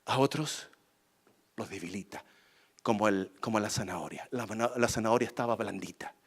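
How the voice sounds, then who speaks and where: A man's voice: lowish voice, moderate pace, husky. A male pastor preaching a sermon emphatically, repeating points and addressing listeners as brother.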